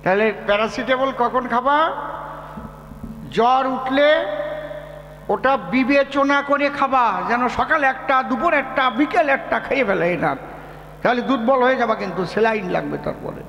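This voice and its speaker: A man's voice: very high voice, bright, forceful tone, muffled recording, heavily acted. A man playing a fussy, coaxing village doctor. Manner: slow, coaxing instructions with checks for understanding. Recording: echoey hall with faint music.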